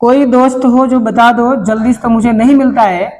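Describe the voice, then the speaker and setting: A middle-aged man with a north Indian accent lectures a classroom of students. His voice sits high for a man as he moralizes earnestly and throws rhetorical questions at the class. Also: fairly even intonation, moderate pace, a little mellow. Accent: Hindi, north Indian. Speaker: coaching teacher. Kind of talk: classroom life advice talk. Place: coaching classroom.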